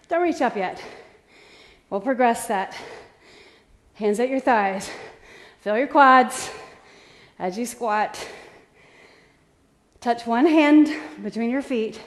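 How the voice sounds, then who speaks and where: A woman's voice: fairly high pitch, in a large hall. A woman leading a workout class as fitness instructor, calling out short, encouraging coaching cues.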